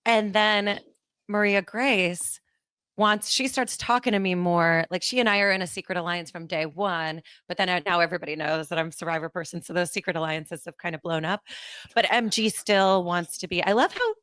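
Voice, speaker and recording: A woman's voice: fairly low pitch, moderate pace, clear, resonant tone, no room sound. A woman podcast host in casual chat, telling stories animatedly and acting out what people said. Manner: animated storyteller, acts out quotes.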